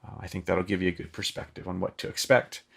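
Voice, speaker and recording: A man's voice: sits low, level tone, quick pace, vocal fry, slightly rough. A man giving a casual, chatty product demo of a synth, with loose phrasing and lots of filler ums. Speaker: synth demonstrator. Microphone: microphone plugged into the synth.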